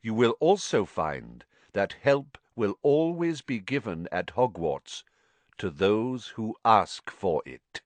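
A man voicing a calm, courteous but firm male headmaster in an audiobook, speaking slowly and clearly with quiet authority. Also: medium pitch, dry recording, pitched above the performer's own voice. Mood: solemn, deliberate. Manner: slow, clear, measured speech. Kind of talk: audiobook character acting.

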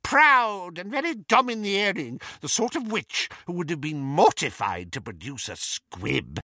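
A man voicing a spiteful, gossiping old witch with a shrill, cackling manner. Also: sing-song, a little slow, sharp tone, no echo, studio quality, full character voice. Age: older. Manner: cackling, needling, high-pitched.

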